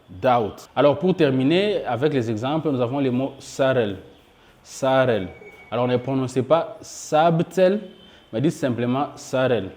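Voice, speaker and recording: A man teaching English pronunciation in a spoken lesson, patiently repeating each example word slowly and addressing his viewers as dear friends. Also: medium pitch, a little mellow. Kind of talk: spoken lesson for French speakers.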